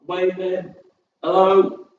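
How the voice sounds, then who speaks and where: With a northern English accent from his Southport upbringing, though he was born in Birmingham, a man leads a chair-based exercise class at a community sports centre, chatting upbeat between cues and counting down the reps of each set. His voice is high-pitched and very slow, with a completely flat delivery. Captured in a large echoey room, the recording sounds very echoey, distant and dull.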